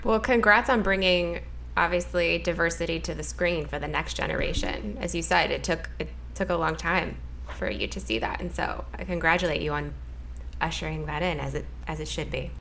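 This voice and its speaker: A woman's voice: sits low, a little fast, gravelly, fairly bright tone, a little hiss or hum. A woman moderating a panel, upbeat and encouraging as she introduces questions.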